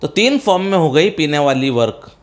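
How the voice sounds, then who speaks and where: A man's voice: on the high side, expressive, moderate pace. A middle-aged man with an Indian accent, teaching spoken English step by step, calling students "beta" and answering his own questions. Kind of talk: classroom-style spoken English lesson.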